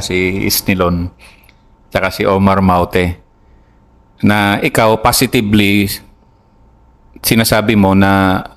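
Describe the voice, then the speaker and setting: A man, a senior officer interviewing a subordinate, asking probing questions and murmuring short acknowledgments. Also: lowish voice.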